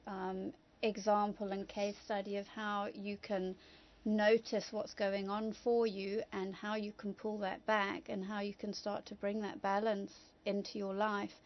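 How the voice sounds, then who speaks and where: A woman's voice: mid-range voice, dull audio. A woman speaking as an expert guest on a talk show, emphatic and encouraging.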